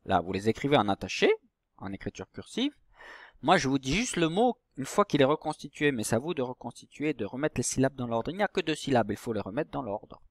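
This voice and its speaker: Patient schoolteacher, slow and clear. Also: male voice, medium pitch, sing-song, no echo. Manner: slow, patient, stretches words and syllables. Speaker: primary school teacher. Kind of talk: recorded reading lesson for young children.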